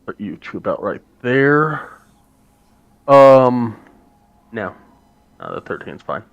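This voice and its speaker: A man narrating as game master in a tabletop game, halting as he thinks aloud. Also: mid-range voice, very animated, gravelly, highs cut off.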